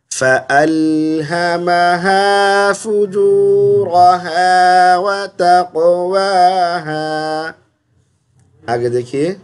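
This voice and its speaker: A man teaching Quran recitation with tajweed, reciting syllables slowly and stretched, then correcting mistakes in quick asides. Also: high voice, clean tone. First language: Urdu. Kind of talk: tajweed lesson, slow drilled recitation.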